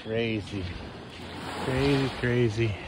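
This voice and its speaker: A man walks along a tropical beach holding a phone camera, narrating his travel vlog in a relaxed way, chuckling and taking in the view. He speaks slowly at a medium pitch with fairly even intonation, against outdoor wind and water sounds.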